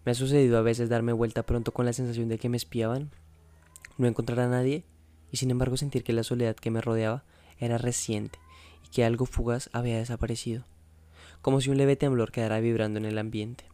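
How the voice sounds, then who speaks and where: A man reading a novel aloud in the first person, with measured, intense storytelling. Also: medium pitch, flat delivery, dark tone, no echo. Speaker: narrator.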